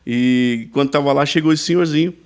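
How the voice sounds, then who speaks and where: A man with a Brazilian accent, a pastor who is a podcast guest, telling a lively anecdote in casual conversation and tagging his sentences with frequent "né?". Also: medium pitch, a little fast. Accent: Brazilian Portuguese. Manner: lively storyteller, mimics the people he quotes, frequent "né?" tags.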